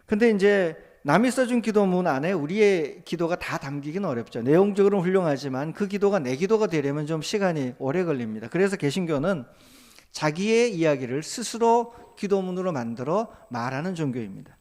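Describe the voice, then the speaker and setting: A male pastor preaching a sermon, moving from calm teaching into loud, impassioned spoken prayers. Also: fairly high pitch, fairly quick. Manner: rises to loud impassioned voiced prayers, then drops back to calm teaching.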